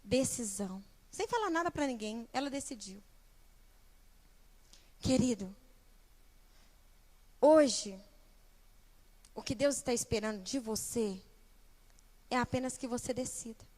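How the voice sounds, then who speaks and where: High-voiced young woman preaching. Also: measured pace, long pauses. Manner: animated, speaks directly to the congregation with rhetorical questions. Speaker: guest preacher and small-group leader. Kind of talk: sermon. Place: church.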